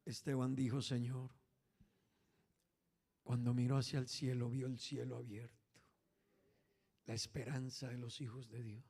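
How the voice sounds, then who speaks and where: A man preaching a Pentecostal sermon with a Caribbean Spanish accent, who swings between hushed, low talk and loud, shouted passages while often calling his listeners "brother". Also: little pitch movement, normal speed, gravelly, husky. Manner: keeps addressing listeners as "hermano".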